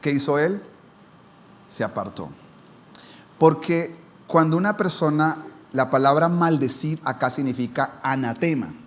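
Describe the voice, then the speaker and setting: Animated yet unhurried, a pastor delivers his sermon with frequent pauses. He asks rhetorical questions and swings from strong emphasis down to a low, hushed voice.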